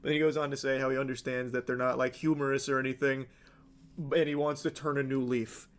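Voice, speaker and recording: A man's voice: mid-range voice, flat delivery, fast talker. A young man in casual commentary, reacting to news clips with sarcastic, mocking asides. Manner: sarcastic, mocks pranksters in a whiny put-on tone.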